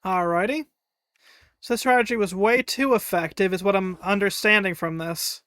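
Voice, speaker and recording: A man's voice: high-pitched, normal speed, sharp tone, no echo. A man casually commenting on his own gameplay during a live stream, chatty and wry, taunting enemies as he plays. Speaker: game streamer.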